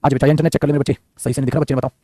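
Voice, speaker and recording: A male teacher, giving an online English vocabulary class; he talks rapidly, repeats phrases and keeps calling his students "beta". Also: medium pitch, level tone, dark tone, no room sound.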